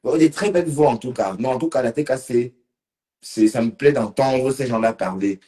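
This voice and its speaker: A man hosts a casual live stream after a couple of drinks. His voice sits at an ordinary middle pitch. He rambles loosely and speaks straight to his commenters by name. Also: normal speed, warm tone. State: slightly tipsy.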